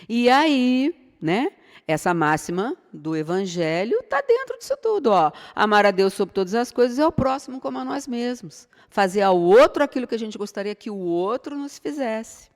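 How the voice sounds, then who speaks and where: A woman's voice: on the high side, big pitch swings, moderate pace. A middle-aged Brazilian woman giving an informal spiritual lecture, chatty and full of rhetorical questions. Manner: conversational, rhetorical questions with frequent tag "né?". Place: spiritist center hall. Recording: long hall reverb.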